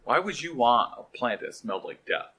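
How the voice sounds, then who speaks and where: A man's voice: medium pitch, very animated, normal speed, bright, forceful tone, breathy edge. A young man from the American Midwest co-hosting a podcast in casual chat, joking and slipping into silly voices. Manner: joking, slips into goofy put-on voices. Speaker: podcast co-host.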